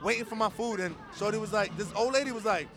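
A man from Queens with a New York accent, co-hosting a casual podcast and telling an animated, profane story with acted-out quotes. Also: high-pitched, fast, over music. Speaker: podcast co-host. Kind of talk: casual chat.

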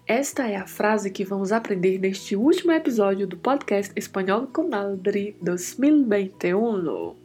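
A woman hosting a podcast lesson, teaching Spanish to Portuguese speakers and drilling each word's pronunciation slowly and carefully. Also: mid-range voice, warm tone, breathy edge.

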